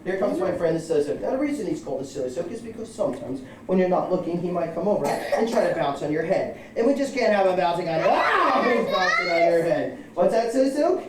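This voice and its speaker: Animated kids' party magician, echoey and noisy. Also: mid-range voice, quick pace, hardly any pauses. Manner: playful, theatrical, exaggerated exclamations and teasing asides. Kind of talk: live kids' magic show patter with audience call-and-response. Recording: distant, echoey, very noisy live room recording.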